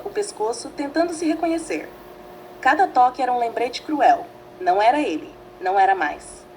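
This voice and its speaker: A woman narrating a fanfiction story in a dramatic, measured way, reading in short phrases. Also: mid-range voice, slight background noise, poor audio.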